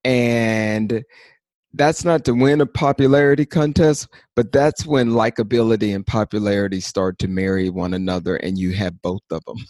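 A man co-hosting a podcast in casual chat, rambling and animated, with many fillers and restarts. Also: lowish voice, normal speed, no room sound. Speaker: podcast co-host.

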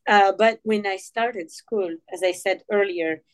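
Moroccan-born woman guest, Tamazight first language, halting with lots of ums. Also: mid-range voice. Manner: hesitant, many fillers and restarts. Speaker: podcast guest. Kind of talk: casual interview talk.

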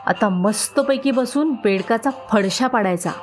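A woman narrating a children's story in a slow, expressive, sing-song way. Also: on the high side. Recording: faint music behind.

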